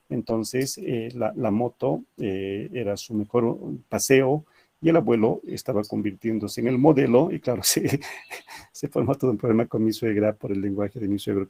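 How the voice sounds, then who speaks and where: A man's voice: mid-range voice, vocal fry, mellow, husky. A man teaching an ethics class, telling anecdotes in a chatty way with frequent tag questions.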